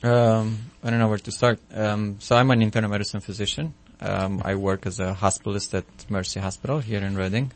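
A Romanian-accented physician in his thirties, appearing as a guest on a casual radio interview, speaks haltingly in a lowish, steady voice. His answers are full of ums and restarts.

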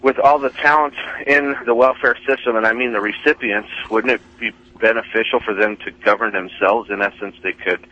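A man's voice: lowish voice, steady tone, fairly quick, pushed and bright. A man calling in to a talk radio show over the phone, folksy and rambling. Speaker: caller. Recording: dull phone line.

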